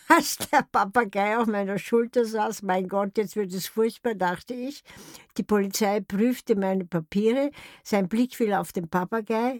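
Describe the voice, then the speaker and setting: A woman's voice: medium pitch, no room sound, clean studio sound. An older woman telling personal memories in a wry, anecdotal way. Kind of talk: memoir storytelling.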